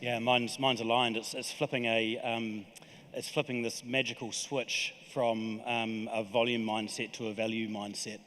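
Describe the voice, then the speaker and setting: A man's voice: mid-range voice, little pitch movement, measured pace, fairly bright tone. A man speaking as a panelist in a panel discussion, jargon-heavy and hesitant. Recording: reverberant hall.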